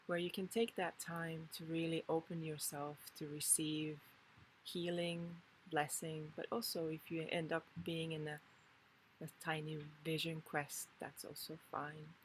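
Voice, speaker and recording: A woman from Finland, a Kundalini yoga teacher talking a class through a calm, unhurried introduction and often pausing to find her words. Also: low voice, a little hiss or hum, rough recording.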